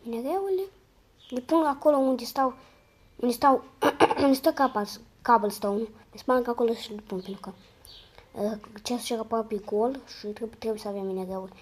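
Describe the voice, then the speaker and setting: Hoarse, excitable young-sounding woman gamer. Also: fairly high pitch. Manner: excitable, slangy, sudden loud outbursts and muttered asides. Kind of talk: casual gameplay commentary.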